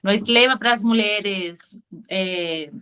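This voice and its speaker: A woman with a Venezuelan accent talks on a video call, Spanish her first language. She pitches her beauty consulting work haltingly, often pausing to search for words. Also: pushed and bright, smooth.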